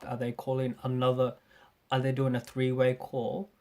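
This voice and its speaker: A man's voice: medium pitch, completely flat delivery, moderate pace, darkish tone. A man hosting a casual podcast chat, talkative and full of ums and restarts. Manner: chatty, hesitant with ums and restarts. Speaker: podcast host.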